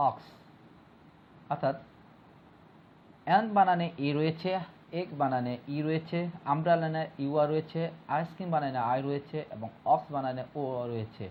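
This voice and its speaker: A male teacher giving a step-by-step grammar lesson, repeating rules and putting questions to his students. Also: fairly high pitch. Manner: explains step by step, repeats points and asks the class questions. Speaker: school teacher. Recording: dull lo-fi recording with faint mains hum.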